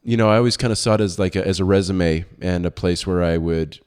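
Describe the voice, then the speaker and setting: A man hosts a business podcast, opening the conversation in an upbeat, welcoming way. His voice is a little low and relaxed, and he leans on casual fillers like "uh" and "kinda.". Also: fast, clean tone. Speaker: podcast host. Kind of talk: interview hosting.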